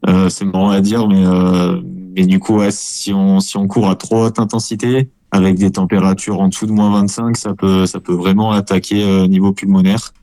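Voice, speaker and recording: A man's voice: low-pitched, little pitch movement, normal speed, dark tone, no room sound. A man in his twenties from France, an ultra-trail runner answering interview questions with many hesitations and restarts. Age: 20s.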